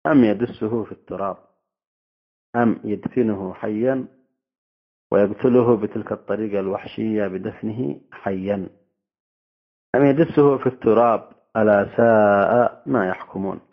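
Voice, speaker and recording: A man giving a formal religious lecture to an audience, speaking in measured phrases with pauses. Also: lowish voice. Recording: tinny phone-like audio.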